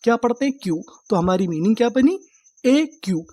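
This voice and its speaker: A man gives a reading lesson in a steady, mellow voice. The sound is dry and close, with no room around it. He spells words letter by letter and asks quick questions that he answers right away. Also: extremely high pitch, no room sound. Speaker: English teacher. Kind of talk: online spelling and vocabulary lesson.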